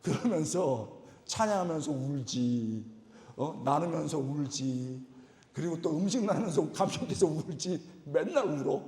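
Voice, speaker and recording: At a retreat service, a male pastor with a slightly high voice tells stories from the pulpit at a measured pace, his pitch rising and falling with lively expression. He imitates the people in his stories and bursts into exclamations, and the roomy hall sound has a long reverb tail.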